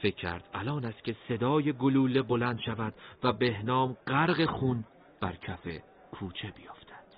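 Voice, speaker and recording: A man narrating a dramatic story in an expressive, animated reading, on a dull lo-fi recording. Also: mid-range voice, breathy edge.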